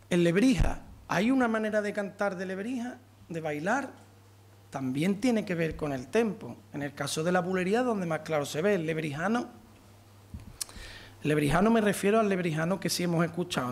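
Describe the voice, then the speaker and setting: A man giving a lively lecture to an audience, counting out rhythms and beating time aloud as he explains. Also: high voice, creaky. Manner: animated, counts out rhythms and taps beats aloud.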